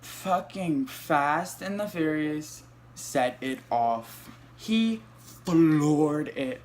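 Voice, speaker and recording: A young man, telling a storytime vlog in an animated, profane way full of fillers. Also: fairly high pitch, very slow, a little hiss or hum. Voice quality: light voice. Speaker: vlogger.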